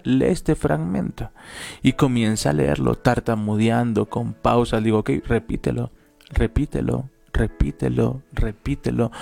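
Gravelly-voiced man giving a motivational talk. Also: mid-range voice, darkish tone. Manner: speaks with repetition and emphasis, tells personal stories. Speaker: co-host of a faith talk show.

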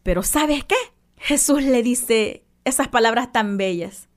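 A woman's voice: a little high, animated, measured pace. A woman preaching a devotional sermon, impassioned, repeating lines for emphasis and addressing listeners affectionately.

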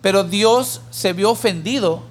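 Animated high-voiced man telling a parable. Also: a little slow. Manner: animated storyteller who raises his voice for the pleading character. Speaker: podcast co-host. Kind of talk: conversational church teaching, telling a parable.

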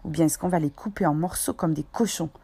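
A woman's voice: low voice, steady tone, quick pace, warm tone, husky, heavily acted. A woman reading aloud, voicing a cunning old male pirate cook who speaks in persuasive, folksy sailor's slang. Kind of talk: audiobook character voice.

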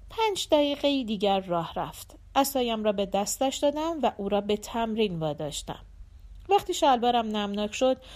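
Female audiobook narrator; measured literary storytelling, a bit high-pitched. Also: darkish tone.

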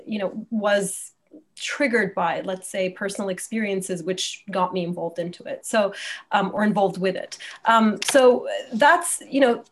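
Thoughtful Egyptian woman academic. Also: mid-range voice. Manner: thoughtful, hesitant with fillers. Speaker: guest academic. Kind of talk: interview answer.

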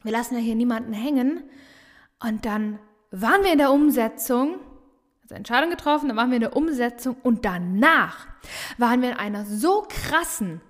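Speaking at normal speed, this business coach and podcast host has a regional dialect and a fairly high, bright voice full of animated, emphatic energy. She repeats her points to hammer them home in motivational solo talk, and a long reverb trails after her words.

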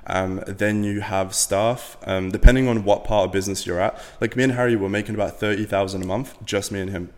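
Fast-talking man with a low voice. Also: steady tone, darkish tone, in a large hall. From Latvia. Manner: rapid, rambling, swears casually, many fillers. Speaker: podcast guest, business owner. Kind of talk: casual podcast chat.

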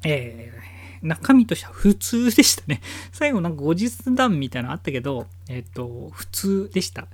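A man's voice: a little high, big pitch swings, normal speed, no room sound. A man hosting his own podcast from home, rambling casually with many fillers. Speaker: podcast host. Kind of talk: casual solo podcast talk.

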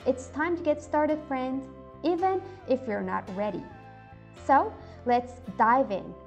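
A woman's voice: high-pitched, slow, creaky, faint music behind. A woman hosting a podcast, reading scripted narration in an upbeat way and putting questions straight to the listener. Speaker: podcast host.

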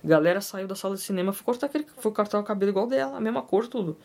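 A woman's voice: mid-range voice, expressive, rapid-fire, darkish tone. A woman talking casually about a film, rambling with many fillers and joking asides to her viewers. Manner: rambling, full of fillers, self-deprecating asides. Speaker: film commentator. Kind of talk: casual film analysis vlog.

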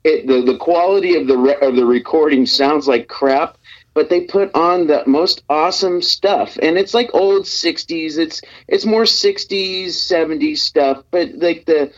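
A man's voice: a little high, measured pace. A man from Nebraska on speakerphone, guesting on a radio show in an easygoing, rambling chat full of fillers and restarts. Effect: heard over speakerphone. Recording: dull, muffled speakerphone line.

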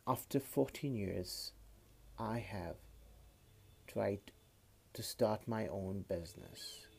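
A man in his late twenties with a Kashmiri accent, talking casually and haltingly as a podcast host, often repeating words, recorded on a phone. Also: lowish voice, vocal fry, a little mellow, husky. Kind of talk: casual personal monologue.

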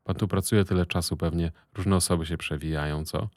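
A man's voice: low voice, fairly even intonation, brisk, darkish tone, dry recording, clean studio sound, close to an everyday voice. A man voicing a sleazy, embarrassed older man who talks in a wheedling, hesitant way in a storybook reading.

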